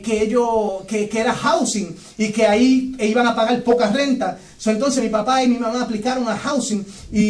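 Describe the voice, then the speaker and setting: Male evangelist with a very high voice, telling a fervent radio testimony, echoey and off-mic. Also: darkish tone, distant mic. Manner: fervent, storytelling, breaks into tongues. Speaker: evangelist preacher. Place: radio station studio.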